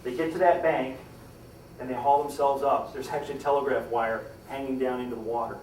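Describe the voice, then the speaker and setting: This historical storyteller gives a talk at a fairly quick pace, his darkish voice mostly even until he dramatizes quoted lines with rising pitch and loudness. Slight background noise and faint ambience fill the echoey room, picked up by a distant microphone.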